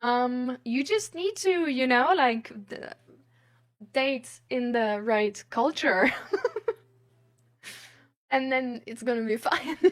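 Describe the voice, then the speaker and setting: A high woman's voice moves slowly, with long pauses. On her live stream she chats casually with viewers and reads out their messages, her speech rambling, giggly and hesitant.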